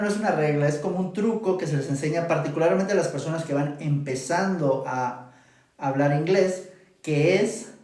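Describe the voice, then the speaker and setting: Man, slightly high voice, teaching pronunciation patiently; very echoey room, set back from the mic. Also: darkish tone, distant mic. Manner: patient, repeats "¿ok?" often, exaggerates sounds to demonstrate. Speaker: English teacher. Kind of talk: live-streamed English lesson.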